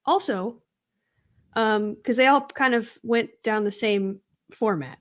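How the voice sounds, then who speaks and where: A woman's voice: a little high, slow. A young adult woman co-hosting a true crime podcast, chatting casually with lots of ums and easy laughter. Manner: giggly, filler-heavy, easygoing. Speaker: podcast co-host.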